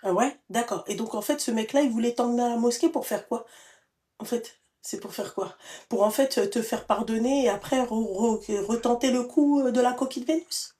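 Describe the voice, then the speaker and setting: A woman hosting a live stream, giving blunt, familiar advice to a caller, full of endearments and animated outbursts. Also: a little high, moderate pace. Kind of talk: casual live advice chat.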